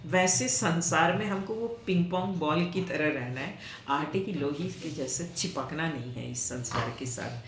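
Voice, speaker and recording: Slow-spoken woman teaching in an echoey room. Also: deep voice, a little hiss or hum. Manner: chants Sanskrit verses slowly, then explains in conversational Hindi. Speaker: Gita teacher. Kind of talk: slow explanatory teaching talk.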